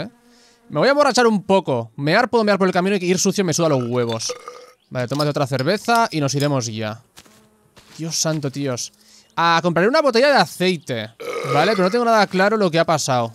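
Excitable gamer man. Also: on the high side, brisk, a little hiss or hum. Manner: excitable, swears often, shouts at the screen. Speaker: gameplay commentator. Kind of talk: gameplay commentary.

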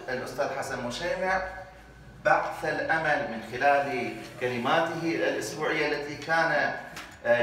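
A man's voice: a little high, a bit bright. Man giving an echoing impassioned speech. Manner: impassioned oratory with rising emphasis. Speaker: speaker at a solidarity rally. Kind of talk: political speech. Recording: heavy echo, distant mic, faint noise.

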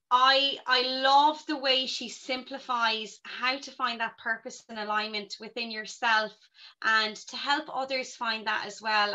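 A woman's voice: a little high, pushed and bright. A woman hosting a leadership podcast, speaking enthusiastically and gushing with praise for her guest. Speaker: podcast host, retail coach. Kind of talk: podcast interview.

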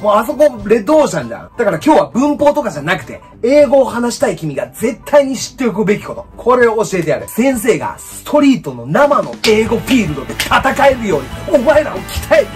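Japanese man, bossy comic teacher, lively swinging delivery, light music behind. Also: high-pitched, quick pace, few pauses. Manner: brash, rough-spoken, bossy teacher act. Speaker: comedic English teacher. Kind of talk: comedic lecture to camera.

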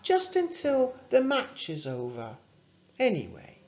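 A woman voicing a caring mother who gently coaxes her son, read out in a dull lo-fi recording. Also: sits high, sing-song, unhurried, voice pushed up.

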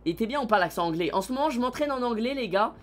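A man live-streaming a video game, excitable and slangy, talking straight to his chat. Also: very high voice, racing.

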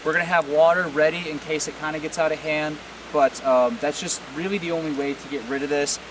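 On a farm outdoors, a man in his thirties speaks a little fast with fairly even intonation and a fairly high pitch. He explains things informally and plainly, like a farmer running a casual vlog; the recording is clear, with background noise and hiss.

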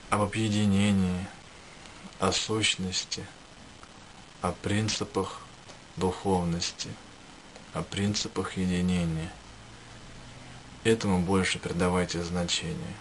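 A man giving a spiritual address to listeners, speaking in measured short phrases with pauses. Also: deep voice, slight background noise, rough recording. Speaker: spiritual teacher.

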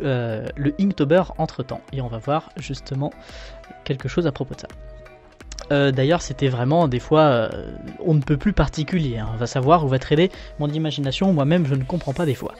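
A young man from France flipping through his sketchbook in a relaxed, self-mocking way, with lots of fillers. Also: a little high, muffled recording. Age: young adult. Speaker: artist showing his sketchbook. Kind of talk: casual commentary.

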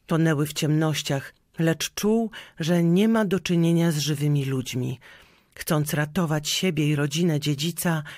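A man reading a folk legend aloud in a slow, measured manner. His voice sits a little high. The sound is dry and close, with no room around it. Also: no room sound. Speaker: narrator.

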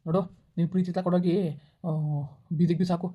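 A woman's voice: fairly low pitch, little pitch movement, mellow, highs cut off, lightly acted. A woman playing a harsh, dismissive young man breaking up with his girlfriend in a village skit, talking in curt, scolding bursts. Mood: scornful. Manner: curt, scolding, rapid-fire.

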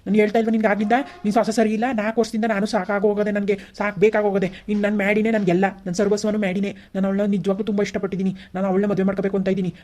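A woman's voice: mid-range voice, level tone, rapid-fire, few pauses, darkish tone, natural voice. A woman voicing a grown son in a cartoon family drama, soothing and urging his mother. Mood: defiant. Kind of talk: cartoon voice acting.

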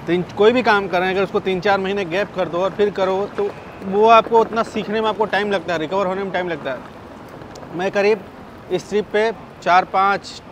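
A travel vlogger walks a busy outdoor street with a handheld camera, tossing off crude jokes about what he sees in casual commentary. His voice sits high, with fairly even intonation and normal speed. The audio is poor, full of street noise.

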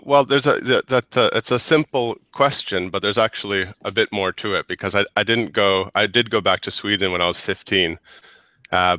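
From a small whiteboard office, a U.S. man in his thirties joins a video call on a headset as a guest for a casual interview chat. His voice sits low with a bright, forceful tone and no room sound, and his speech is full of restarts and repeated words.

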